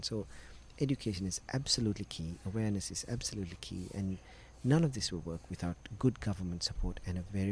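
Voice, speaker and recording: A man's voice: low-pitched, slight background noise. A middle-aged man from Sri Lanka, a doctor patiently explaining medical matters as a guest on a podcast interview.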